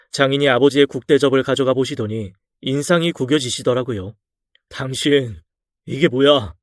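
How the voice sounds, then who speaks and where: Calm male storyteller, dry close voice. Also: mid-range voice, dry recording. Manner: calm, measured telling. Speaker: story narrator. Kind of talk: scripted story narration.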